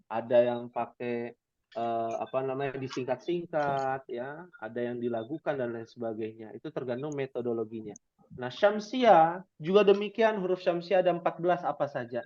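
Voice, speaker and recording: A man leads an interactive Quran reading class, speaking with a slight tinge. He keeps firing playful questions at his students. The audio is dull and lo-fi. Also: on the high side. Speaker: Quran and Arabic teacher.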